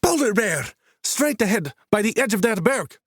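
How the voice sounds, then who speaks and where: A man's voice: a little high, sing-song, a little slow, creaky, husky, dry recording, clean studio sound, voice pushed up, exaggerated voice. A man voicing a burly, cheerful male tour guide who announces the sights with enthusiasm. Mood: excited.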